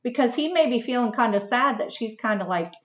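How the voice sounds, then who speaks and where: Animated woman reading to young children. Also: a little high, brisk. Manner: animated, asks questions and answers them herself. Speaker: teacher reading aloud. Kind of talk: children's read-aloud lesson. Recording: dull lo-fi recording.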